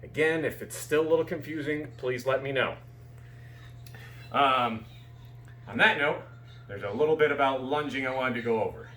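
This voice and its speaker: A man's voice: medium pitch, moderate pace, pauses often, a bit bright. A man giving casual, explanatory fencing instruction, often checking that his students follow. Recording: echoey room with background noise.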